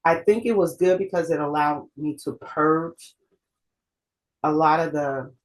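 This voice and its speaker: A woman's voice: low voice, a little slow, low-quality recording. A middle-aged woman co-hosting a heartfelt conversation, reflective and emphatic, often repeating herself. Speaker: co-host.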